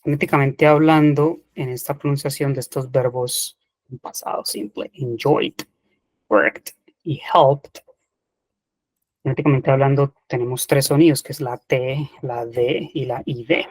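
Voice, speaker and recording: A man's voice: mid-range voice, steady tone, normal speed, darkish tone, no room sound. A man teaching English grammar in an online class, explaining step by step and checking in with the students. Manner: patient, methodical, checks in with "ok". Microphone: computer mic in online seminar.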